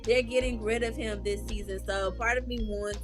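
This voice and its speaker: A woman's voice: on the high side, fairly even intonation, normal speed, music in the background. Matter-of-fact female sports co-host. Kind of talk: casual sports talk.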